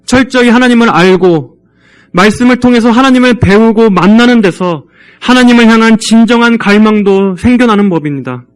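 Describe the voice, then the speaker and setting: High-voiced pastor preaching earnestly. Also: male voice, smooth. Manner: earnest, exhorting, measured delivery. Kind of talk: sermon. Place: church.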